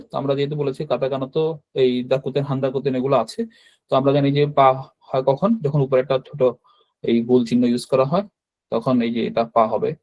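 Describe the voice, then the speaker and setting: Fast-talking man teaching an online class. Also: medium pitch, darkish tone, muffled recording. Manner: fast, explanatory, with frequent fillers and self-corrections. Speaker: Japanese language teacher.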